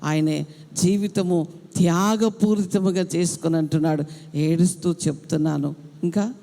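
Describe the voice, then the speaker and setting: A woman's voice: on the low side, fairly even intonation, normal speed, vocal fry, mellow. A woman preacher giving an impassioned sermon, repeating her phrases for emphasis. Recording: echoey hall.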